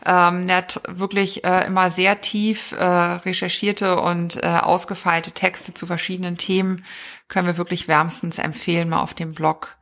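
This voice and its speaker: A woman co-hosting a podcast, calmly recommending a blog. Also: lowish voice, normal speed. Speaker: podcast co-host. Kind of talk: casual podcast talk.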